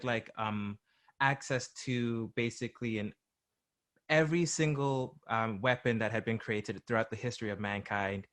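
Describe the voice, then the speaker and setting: A man's voice: medium pitch, a bit bright. A young man, a musician guest, from England and South Africa, talking casually in a rambling way with many fillers and restarts. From born in England, grew up in South Africa. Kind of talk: casual interview chat.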